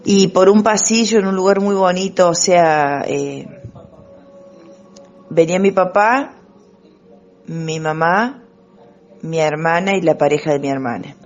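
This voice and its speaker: A woman leaving a casual voice message, speaking haltingly with pauses and fillers. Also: on the low side, muffled recording, soft background music.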